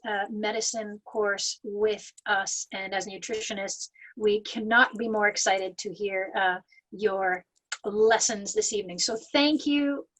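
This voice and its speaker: A woman's voice: mid-range voice, a bit bright, rough recording. A woman hosting a webinar, introducing the guest speaker with a few "uh"s, over a computer mic. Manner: with "uh" and "um" fillers. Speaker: webinar host. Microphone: computer mic on a video call.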